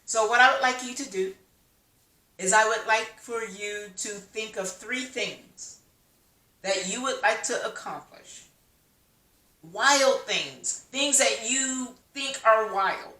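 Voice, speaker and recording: Slow, bright-voiced motivational woman. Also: on the high side. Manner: emphatic, rhetorical questions, encouraging. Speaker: vlogger. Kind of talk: motivational vlog talk. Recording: echoey room, mic at a distance.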